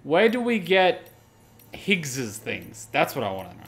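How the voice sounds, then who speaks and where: A gaming streamer offers casual live commentary, exclaiming, questioning and swearing as he plays and reading on-screen text aloud. His slightly high, a bit bright voice swoops wildly in pitch at a measured pace, with soft music and other background noise behind him.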